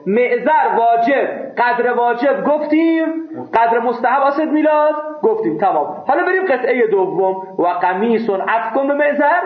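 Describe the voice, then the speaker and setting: A man teaching a seminary class. He reads a text phrase by phrase and explains each part plainly, sometimes with a joke. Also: very high-pitched. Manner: reads phrases aloud then explains them plainly, with jokes. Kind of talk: classroom text lesson, reading and translating. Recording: echoey room over a phone-like line.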